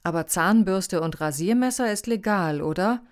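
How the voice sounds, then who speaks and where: A woman reading the lines of an injured, tired young man in hospital, croaky and shy. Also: medium pitch, expressive, normal speed, close to an everyday voice. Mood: weary.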